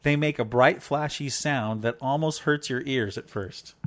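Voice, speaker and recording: A man co-hosting a devotional talk show with his wife speaks a little slowly in a fairly bright, medium-pitched voice. He's playful and meandering, numbering his points the way a teacher would.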